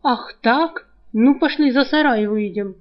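A woman reader voicing a brash, quarrelsome young male thief with a gruff, mocking manner. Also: a little high, measured pace, dull audio, natural voice.

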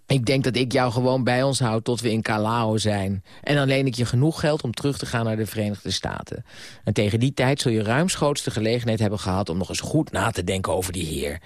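A man's voice: fairly low pitch, brisk, no echo, natural voice. A man reading an audiobook voices a wry, slightly teasing young man close to his own voice.

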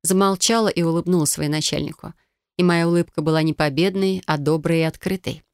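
A woman narrating a first-person audiobook with a lively, ironic storytelling manner. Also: sits low, brisk, clear, resonant tone, no echo, studio quality.

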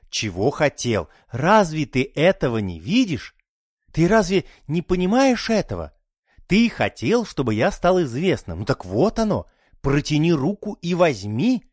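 A man's voice: fairly high pitch, darkish tone, no room sound, clean studio sound. A man voicing a fervent mad young scientist. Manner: fervent, scornful, rising to outbursts. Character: obsessed young male scientist chasing immortality.

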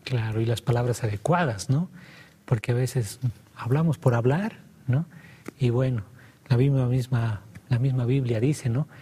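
Mellow, husky man hosting a discussion. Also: medium pitch, moderate pace. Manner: affirming, asks questions. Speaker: host. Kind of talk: casual discussion.

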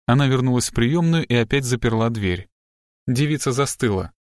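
A man reading an audiobook as narrator, in an even, measured style. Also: mid-range voice, no echo, clean studio sound. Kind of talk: scripted narration.

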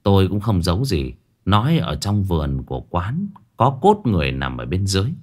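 A man narrating a ghost story in the first person, with an animated, dramatic delivery. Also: low voice, moderate pace.

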